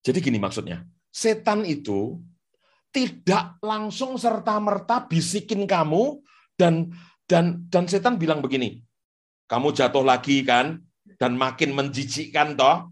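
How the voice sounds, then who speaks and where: A male pastor preaching a sermon on the radio in an animated way, repeating phrases for emphasis. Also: high-pitched, unhurried. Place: radio studio.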